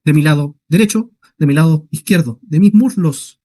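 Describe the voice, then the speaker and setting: A man gives an online class lecture as a Hebrew teacher. His voice sits a little high, and he checks in often with his listeners. He slows down to read words out syllable by syllable. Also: warm tone. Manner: explains slowly, asks "¿ya?" and "¿cierto?" often.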